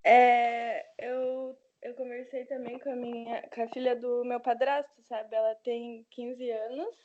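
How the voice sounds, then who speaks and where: A young woman in a student's role speaks up in an online class, rambling through her account with plenty of fillers. Her voice sits a little high, and the audio comes through dull and lo-fi. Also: level tone, a little slow, darkish tone. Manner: rambling, many fillers like "assim, sabe". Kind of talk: student telling a story in class.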